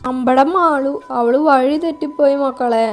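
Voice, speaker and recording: A woman's voice: sits high, fairly even intonation, unhurried, faint music behind, voice pushed up. A woman voicing a worried, fussing older aunt who speaks in a plaintive, complaining way.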